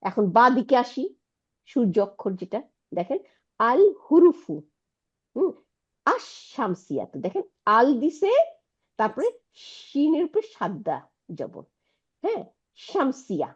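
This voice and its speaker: A woman's voice: fairly high pitch, big pitch swings, measured pace, pauses often, husky, muffled recording. A woman teaching an Arabic lesson, patiently explaining and asking her students checking questions. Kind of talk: online Quranic Arabic lesson.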